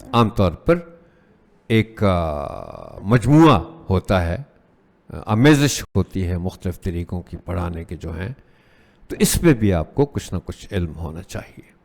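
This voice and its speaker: A man's voice: medium pitch, darkish tone, big-room sound. A man giving an earnest spoken lecture to teachers, asking rhetorical questions and urging them on. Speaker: teacher trainer.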